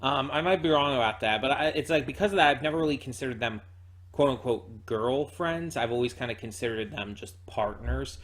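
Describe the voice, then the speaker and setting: Thinking aloud with repeated words and a halting rhythm, a reaction-channel host gives a relaxed spoken review. His voice is medium in pitch with a fairly bright tone.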